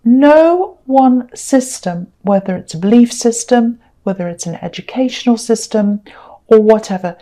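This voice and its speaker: A woman's voice: mid-range voice, moderate pace, mellow. A woman giving a tarot card reading, talking earnestly and reassuringly with frequent fillers and repetitions. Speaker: tarot reader.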